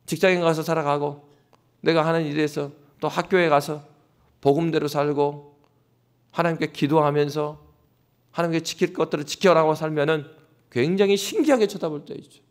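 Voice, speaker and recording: A male pastor preaching an animated early-morning sermon in a church, addressing the congregation directly. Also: a little high, moderate pace. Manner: animated preaching, acts out scoffing voices. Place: church sanctuary.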